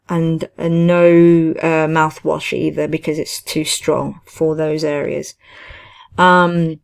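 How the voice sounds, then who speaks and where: A woman chatting casually and giving personal advice, in a hesitant, halting way with frequent self-corrections. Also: low voice, darkish tone. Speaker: vlogger, teaching assistant.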